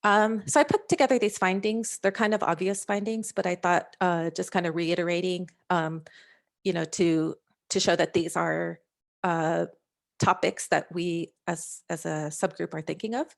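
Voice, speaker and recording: A woman gives a science overview over a video call, her low voice carrying a gravelly fry. She speaks in a halting, hesitant way and fills pauses with frequent ums and restarts as she walks through her slides. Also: fairly even intonation. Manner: hesitant, many fillers and restarts. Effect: heard over a video call. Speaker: scientist presenting a working-group overview. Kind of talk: slide presentation.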